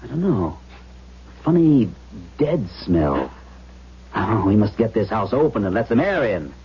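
An actor playing a practical, brooding man in a haunted-house radio drama, halting as he finds words. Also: on the low side, very animated, husky, full character voice. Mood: heavy, sorrowful. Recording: dull old radio broadcast.

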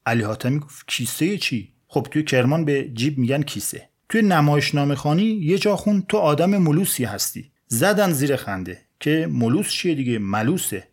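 A man's voice: big pitch swings, hardly any pauses. A man hosting a podcast, narrating a biography in a playful scripted way and putting on voices for quoted people. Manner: playful, voices quoted characters with wide swings in pitch. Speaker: podcast host and storyteller.

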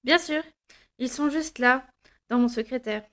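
A man voicing a young female doctor in an audio drama, in a high falsetto that turns from shy to outraged. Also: a little slow, pushed and bright, exaggerated voice. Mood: eager. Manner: high falsetto, shaky and curt. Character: young woman doctor, flustered then furious.

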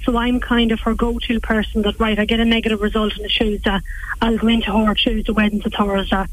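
A woman's voice: a little high, little pitch movement, fast, dry recording, low-quality recording. A young woman with a Cavan accent from Ireland, chatting earnestly and informally as an interview guest, talkative and colloquial. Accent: Irish, Cavan. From West Cavan, Ireland. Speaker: nursing home healthcare worker, interview guest.

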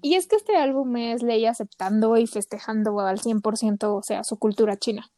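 High-voiced chatty woman, mellow and dry. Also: normal speed, no echo. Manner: chatty, many fillers. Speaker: podcast co-host. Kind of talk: casual chat.

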